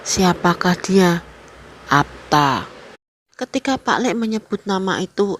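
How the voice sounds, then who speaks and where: A woman reading a horror story aloud as narrator, in measured storytelling. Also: fairly low pitch, slight background noise.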